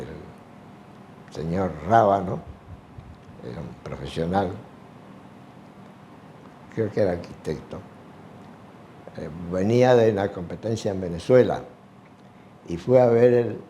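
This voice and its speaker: Older man, low mellow voice, unhurried halting interview answers, faint hiss behind. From Argentina. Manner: slow, halting, with many fillers. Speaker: retired sports teacher.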